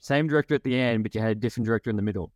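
A man's voice: lowish voice, rapid-fire, a little mellow, dry recording. A man co-hosting a casual podcast, talking animatedly and acting out quotes in a raised voice. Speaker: podcast co-host.

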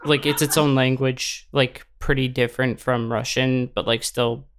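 A woman's voice: extremely low pitch, fairly even intonation, moderate pace. A woman interviewing someone in a casual, chatty way. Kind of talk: casual chat.

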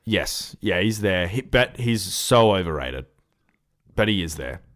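A man's voice: low voice, lively intonation, a little slow, fairly bright tone. A man with an Australian accent in a casual sports chat, giving blunt, slangy opinions. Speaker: podcast co-host giving opinions.

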